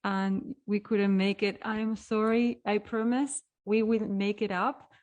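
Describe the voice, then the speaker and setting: A woman's voice: medium pitch, steady tone, slow pace, a little mellow. Woman host, effusive, apologetic, live-stream chat. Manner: effusive, apologetic, repeats "beautiful" and "amazing". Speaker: event host. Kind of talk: casual live-stream hosting.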